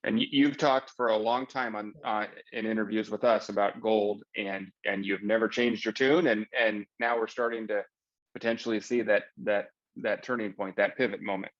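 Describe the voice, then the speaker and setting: A man's voice: fairly low pitch, steady tone, normal speed, dull audio. A man hosting an interview on a video call, affirming his guest and using many fillers. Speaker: interviewer host. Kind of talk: casual interview chat.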